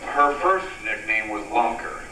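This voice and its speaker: A man's voice: on the low side, animated, unhurried. Middle-aged man giving an echoey wedding toast. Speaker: father of the bride giving a toast. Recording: echoey, noisy room, distant microphone.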